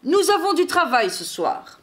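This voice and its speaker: A woman reading aloud, voicing a hurried, kindly old Santa Claus in an urgent, exclaiming way. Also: high voice, very animated, slight background noise, pitched above the performer's own voice. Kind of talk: storybook read-aloud.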